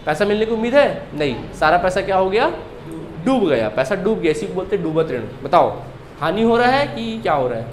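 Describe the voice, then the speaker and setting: A man teaches an accounting class in a high voice, throwing questions at his students and answering them himself. He drills key terms by repeating them over and over. The room sounds echoey, with a faint hiss of ambience behind him. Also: sing-song, fairly quick. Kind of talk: classroom lecture.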